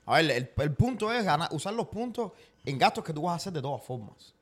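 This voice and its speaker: Quick, emphatic man in casual chat. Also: a little high, big pitch swings. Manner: quick, emphatic talk with repeated affirmations.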